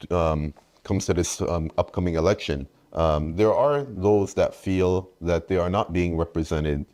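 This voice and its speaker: Deep, mellow-voiced male interviewer. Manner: hesitant, with many fillers. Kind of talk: interview questions.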